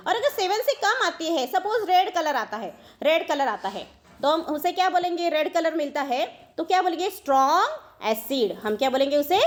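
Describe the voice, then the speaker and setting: Very high-voiced woman teaching science. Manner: explains step by step, asks and answers her own questions, mixes English terms. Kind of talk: classroom science lecture.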